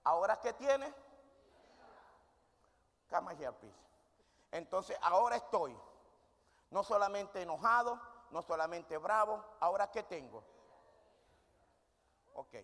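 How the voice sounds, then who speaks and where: High-pitched preacher, gravelly, reverberant hall. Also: male voice, animated, slow pace, pauses often, a bit bright. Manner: asks questions and answers them himself, demonstrating with volunteers. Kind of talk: sermon with audience call-and-response. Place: church hall.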